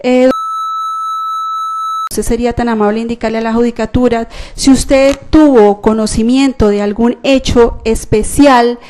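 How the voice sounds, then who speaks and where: A woman lawyer questioning a witness in court, formal and polite, halting with fillers. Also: a little high, fairly even intonation, dark tone, a little hiss or hum.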